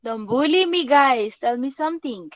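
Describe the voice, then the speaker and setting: A woman's voice: high-pitched, lively intonation, a little slow, no echo. A woman English teacher giving an online class lesson, patiently explaining and checking often that students follow. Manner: patient, checks understanding with frequent tag questions.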